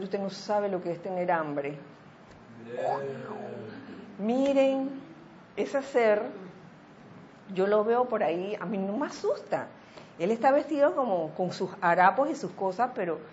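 A woman co-hosting a casual talk, telling a story with animated quoted voices. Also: mid-range voice. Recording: slightly dull audio with faint noise.

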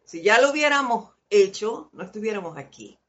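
A woman's voice: medium pitch, big pitch swings, muffled recording. A woman hosting a live spiritual talk, telling stories from her life and often laughing as she teaches. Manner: slow, storytelling, laughs often. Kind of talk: informal spiritual talk with anecdotes.

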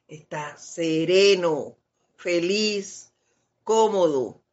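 A woman's voice: on the low side, a bit bright. A woman giving a spiritual teaching talk. She reads passages aloud and explains them, addressing her listeners as brothers. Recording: dull lo-fi recording.

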